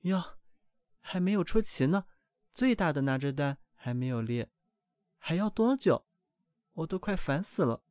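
A man putting on a high, fussing mother duck. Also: a little slow, pauses often, no room sound, clean studio sound. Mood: fretting. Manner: high, excited and scolding. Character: fussy, doting mother duck hatching eggs. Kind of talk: storybook reading.

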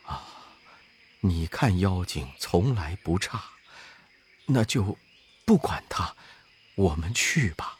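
Male storyteller as a soft, gentle monk, lowered and unhurried, in an audio tale. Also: lively intonation, breathy edge, heavily acted. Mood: mild. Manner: quiet, mild, lowered voice. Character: gentle, soft-spoken pious monk, adult man.

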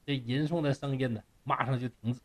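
A man's voice: medium pitch, a little fast. A man retelling a classic tale in a folksy, joking way. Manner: animated, folksy, joking asides. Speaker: storyteller. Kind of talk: colloquial storytelling.

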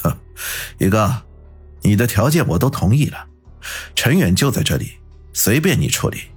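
A man voicing a cold, scheming middle-aged gang boss with a husky voice. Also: lowish voice, very animated, moderate pace, faint music behind, heavily acted. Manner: cold, menacing.

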